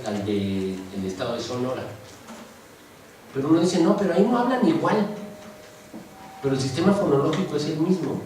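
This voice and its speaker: A Mexican man lecturing a class, loose and talkative, tossing in asides and quick "right?" checks. He stands well back from the mic in a very echoey classroom, with a faint hiss under him. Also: on the high side, mellow, distant mic. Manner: chatty teaching with asides and rhetorical checks. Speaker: linguistics lecturer. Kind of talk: university lecture. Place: university classroom.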